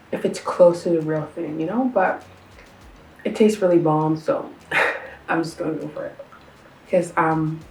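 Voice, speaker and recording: A young woman from Canada talks through a casual food-tasting vlog, chatty and excited, full of fillers and slang. Her voice sits a little low. She is set back from the mic in a roomy, echoey space with faint noise behind. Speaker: vlogger. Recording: roomy sound, a bit far from the mic.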